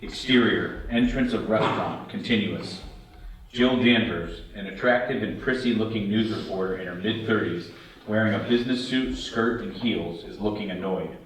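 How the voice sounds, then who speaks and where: Heard from a distance in an echoey room with faint noise, a man narrates scripted stage directions during a table read. He has a lowish voice and a moderate pace.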